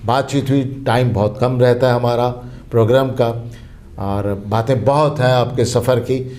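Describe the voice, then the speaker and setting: A male interview host with a mid-pitched, mellow, darker voice. He speaks courteously and formally, answers with short agreements, and closes with polite thanks and requests to the audience. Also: steady tone, a little slow. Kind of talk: interview conversation.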